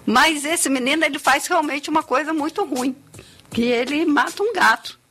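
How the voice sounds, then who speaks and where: A woman who tells stories and writes children's books, talking expressively in a relaxed interview, often ending phrases with a tag question. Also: sits high, normal speed. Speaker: storyteller and children's author, guest. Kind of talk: conversational interview.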